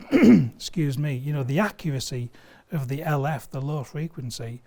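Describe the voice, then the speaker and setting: With a mid-range, dark-toned voice and a slightly slow delivery, a man enthusiastically explains a product in conversation. He is a loudspeaker company sales director appearing as a guest in a video studio, emphatic and keen on everyday analogies.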